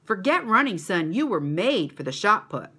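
A woman's voice: medium pitch, sing-song, normal speed, sharp tone, husky, exaggerated voice. A woman voicing a kind, encouraging male track coach in a storybook reading. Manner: upbeat, praising.

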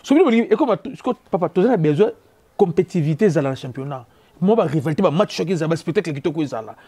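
A man's voice: a little high, expressive, dark tone, husky. A man with a Congolese French accent giving an emphatic, repetitive opinion rant on local football, slipping back and forth between languages. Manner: emphatic, repetitive, rapid code-switching. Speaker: football commentator.

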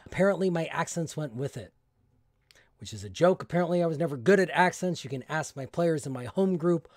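A man's voice: fairly high pitch, expressive, fairly quick, dry recording, studio quality. A man hosting a solo tabletop game who is getting over a cold, reading prompts aloud and chatting in a self-deprecating way about his dice and choices. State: recovering from a cold.

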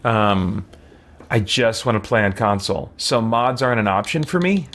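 A game streamer chats and rambles through live gameplay commentary from a small room at home, full of animated fan talk. His voice is lowish and moderately paced, with faint video game sound audible behind him.

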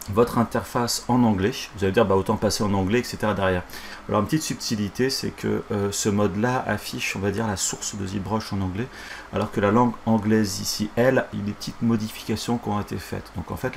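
A man, middle-aged, giving a casual live software tutorial in an informal, hesitant, explanatory way, with a lisp that turns his s slushy. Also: lowish voice. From France. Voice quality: lisp, slushy s from a broken tooth. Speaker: software instructor and streamer. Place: small home office, indoors. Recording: clear fan noise behind voice. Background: whirring fan.

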